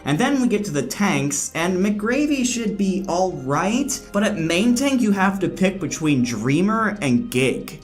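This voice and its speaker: A man with a slightly high voice delivers scripted esports commentary as a host. He is frank and opinionated. Faint music plays behind him, and the room sounds a little echoey. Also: sing-song, measured pace, few pauses. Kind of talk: scripted commentary, countdown rankings. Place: indoor room, different from usual.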